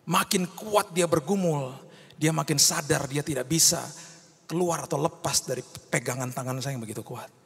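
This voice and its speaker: A man's voice: fairly high pitch, normal speed, creaky, slightly rough. A male pastor preaching an impassioned sermon, slipping English phrases into his talk and rising to fervent cries. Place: church hall. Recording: long reverb of a large hall.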